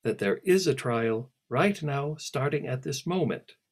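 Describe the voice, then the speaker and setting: A man reading aloud and voicing a prim little girl who is easily annoyed, with a slightly husky voice. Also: mid-range voice, animated, measured pace, pitched above the performer's own voice. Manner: indignant, polite but peeved.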